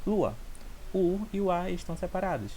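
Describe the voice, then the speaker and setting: A man's voice: high voice, lively intonation, a little fast, warm tone, a little hiss or hum, poor audio. A man with a Brazilian Portuguese accent presenting a recorded class, patiently repeating points and checking in with his listeners. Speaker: student teacher.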